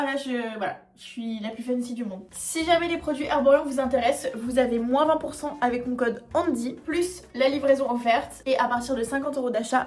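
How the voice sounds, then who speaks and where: A woman's voice: sits high, a little mellow. A woman in her twenties chatting casually through a skincare routine in a vlog, upbeat and full of slang. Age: 20s. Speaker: beauty vlogger.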